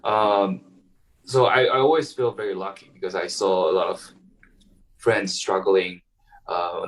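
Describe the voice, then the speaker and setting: A young man, answering interview questions casually and hesitantly, with many fillers and restarts. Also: low voice. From Taiwan. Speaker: guest violinist. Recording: voice heard from a distance.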